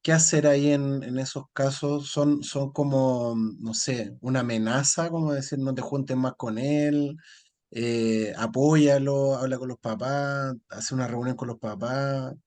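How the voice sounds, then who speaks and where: A man's voice: medium pitch, steady tone, measured pace, darkish tone. A man from Chile hosting an interview, putting loose, searching questions to his guest.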